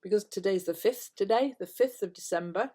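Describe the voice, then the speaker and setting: An older woman vlogger chats casually to her viewers at home, meandering and hesitant, with phrase endings that trail off softly. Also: medium pitch, brisk, breathy edge. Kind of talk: casual rambling chat to camera. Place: at home, indoors.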